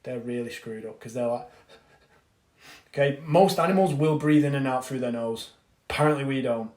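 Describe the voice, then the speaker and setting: A man's voice: medium pitch, moderate pace, darkish tone. Brief: male fitness coach, casual live-stream teaching, chatty with mild swearing, roomy echo on the mic. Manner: chatty, reads out viewer comments, swears casually. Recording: echoey room.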